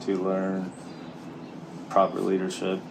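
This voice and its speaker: A man talking candidly and haltingly in a casual, reflective vlog while out walking. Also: sits low, completely flat delivery, creaky, noisy background. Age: middle-aged. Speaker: vlogger, military serviceman and former Marine. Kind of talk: casual walk-and-talk vlog.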